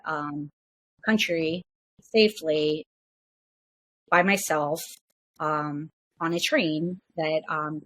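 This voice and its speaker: Recounting a trip as a guest on a podcast, a woman tells her story casually and rambles, often using fillers and starting over. The voice is fairly low in pitch with a fairly bright tone.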